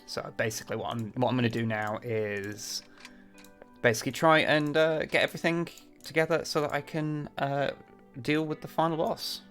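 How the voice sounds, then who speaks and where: A man's voice: mid-range voice, steady tone, moderate pace, a bit bright. Casual male game streamer over faint music. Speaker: game livestreamer. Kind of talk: casual game commentary, reading story text aloud.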